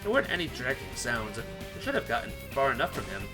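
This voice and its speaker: A man hosting a game playthrough reads visual novel narration aloud with dramatic flair, stumbling over a few words. His mid-range voice moves quickly and in a sing-song way, with game music behind him.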